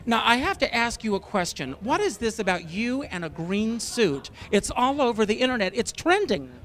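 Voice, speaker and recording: A man's voice: sits high, sing-song, moderate pace, fairly bright tone. A man doing gushing, complimentary red carpet interview chatter as the host.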